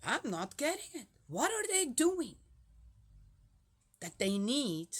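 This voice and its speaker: With a high, sing-song voice, a slow pace and a breathy edge, a sixty-something Swiss vlogger chats loosely with viewers as she reads the Bible. She fires off rhetorical questions as she goes.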